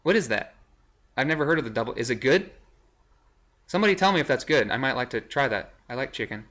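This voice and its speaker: A man's voice: mid-range voice, animated, fast, fairly bright tone. A young man reacting to a list with sarcastic, rambling commentary that corrects itself as it goes. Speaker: vlogger. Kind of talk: casual commentary reading a list.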